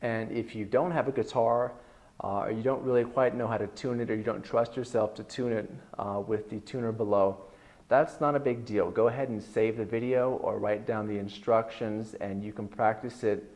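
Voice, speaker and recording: In this online guitar lesson, the teacher is a man with a bass-baritone voice who rambles in a relaxed way, filling gaps with many fillers. He talks at a moderate pace.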